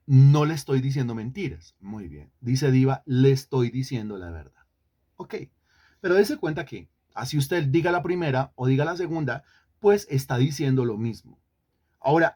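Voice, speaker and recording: A man's voice: medium pitch, a little mellow. Man teaching a Bible lesson online. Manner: questioning, repeats himself for emphasis. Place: online class.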